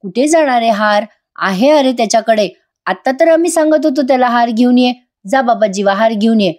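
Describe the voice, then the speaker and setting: A woman's voice: a little high, animated, brisk, a little mellow, pitched above the performer's own voice, lightly acted. A woman reading a scheming middle-aged aunt's lines aloud in a TV serial review, in a coaxing, needling way. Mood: soothing.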